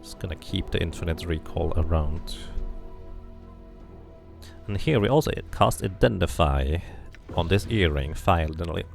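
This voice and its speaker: A streamer plays a game and gives casual commentary, thinking aloud and reading out bits of the game's text. His low voice is unhurried with vocal fry and frequent pauses, and faint music plays behind him.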